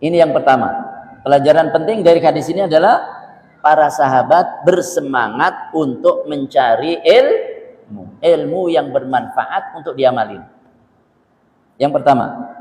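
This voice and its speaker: A man's voice: fairly high pitch, a little slow, pauses often, darkish tone, echoey room, big-room sound, low-quality recording. A man preaching a religious lecture in a conversational way, repeating phrases for emphasis and asking his listeners questions. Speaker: Islamic preacher.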